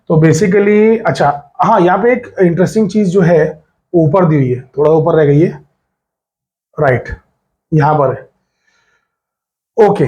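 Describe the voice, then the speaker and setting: A man, a physics teacher talking his students through a lesson. His voice sits a little high for a man, and his delivery is loose and chatty, repeating key words over and over. He mixes English phrases into his explanations. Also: darkish tone. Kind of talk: casual board exam lecture.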